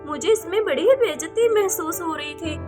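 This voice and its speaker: A woman's voice: very high voice, normal speed, music in the background. A woman voicing a meek, hardworking young village wife who hesitates and stammers, in a doll video role-play. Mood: hurt.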